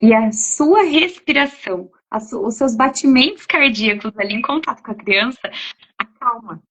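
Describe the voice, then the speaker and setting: A woman in her forties, an educator, answers parenting questions casually in a fairly high, animated voice at normal speed. Her manner is warm and explanatory, and she often ends phrases with a questioning "né?" tag. The audio is dull and lo-fi.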